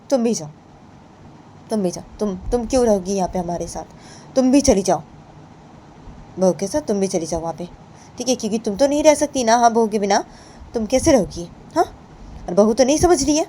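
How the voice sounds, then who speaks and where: A woman voicing a stern middle-aged aunt who scolds loudly and sarcastically, repeating herself. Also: medium pitch, slight background noise, close to an everyday voice. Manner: loud, repetitive scolding.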